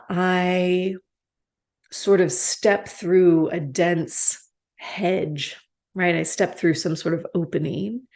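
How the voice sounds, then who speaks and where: A woman meditation teacher giving a reflective talk, gentle and unhurried, with soft pauses. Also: lowish voice. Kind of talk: slow reflective dharma talk.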